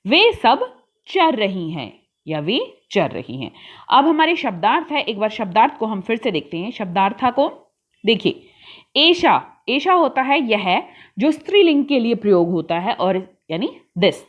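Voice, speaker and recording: A woman teaching a slow online lesson who reads each word out and then explains it in Hindi and English, sounding out letters one at a time. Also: fairly high pitch, very animated, lo-fi sound. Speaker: Sanskrit teacher.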